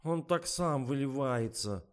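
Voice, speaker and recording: A man voicing a sulky young actress with a squeaky voice. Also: steady tone, moderate pace, warm tone, lightly acted.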